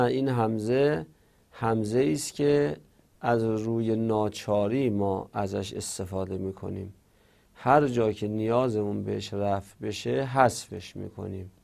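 A man's voice: lowish voice, vocal fry, darkish tone. A man giving a spoken grammar lesson, patiently repeating example words and explaining them step by step. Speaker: teacher.

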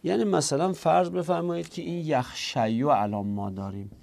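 A man's voice: fairly high pitch, vocal fry, darkish tone. A man teaching Arabic grammar in Persian, working through each rule step by step and asking questions that he answers himself. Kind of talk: explanatory lesson.

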